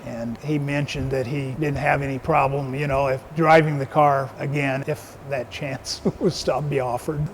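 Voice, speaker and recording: A man's voice: fairly high pitch, darkish tone, a little hiss or hum. A man giving an informal, explanatory promotional narration as a car expert. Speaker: car expert presenting a restored muscle car. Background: music behind the voice.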